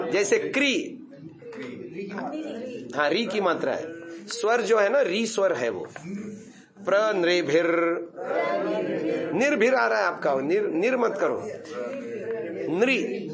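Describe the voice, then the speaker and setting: A man teaching Sanskrit mantra pronunciation at a yoga camp, chanting lines slowly and breaking off for quick corrections. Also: high-pitched. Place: yoga camp session with a group.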